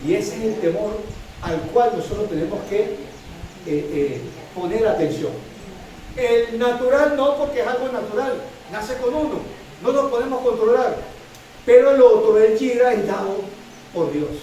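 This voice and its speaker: A middle-aged man with a Chilean accent preaches in a high, mellow voice, often stumbling and repeating himself while checking that his listeners follow. He sounds distant from the mic, with heavy echo and faint noise behind him. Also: normal speed. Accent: Chilean Spanish. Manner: repetitive, stammering restarts, frequent "¿sí?" to congregation. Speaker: pastor. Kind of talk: sermon. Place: church hall. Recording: very echoey hall from far off.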